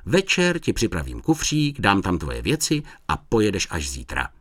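A man voicing a patient but firm young mother in a storybook reading, speaking gently yet strictly. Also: sits low, huge pitch swings, no room sound, studio quality, full character voice. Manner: gentle, then stern.

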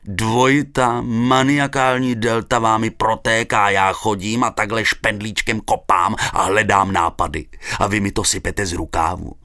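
A man's voice: fairly low pitch, steady tone, bright, forceful tone, no room sound, clean studio sound. A man voicing a big, eccentric surrealist poet who talks in a pompous, declaiming way.

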